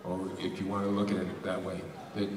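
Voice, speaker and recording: A man's voice: low voice, monotone, fairly quick, darkish tone, far from the mic, a little hiss or hum. A man speaking as a voice actor on a convention panel, rambling with lots of restarts and laughs. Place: large convention hall. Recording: echoey hall recorded from afar.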